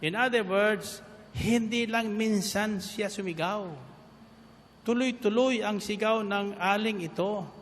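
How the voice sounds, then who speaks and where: A man preaching a lively sermon, switching between Filipino and English as he reads scripture and asks the congregation "Amen?". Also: high-pitched, slow, long reverb tail, a little hiss or hum.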